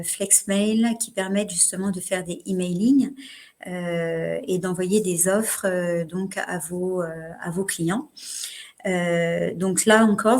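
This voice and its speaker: A woman leads an online business workshop in a slightly low voice. She hesitates constantly, filling gaps with fillers and restarting phrases as she explains her slides. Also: darkish tone. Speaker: trainer presenting a webinar. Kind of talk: live online workshop presentation.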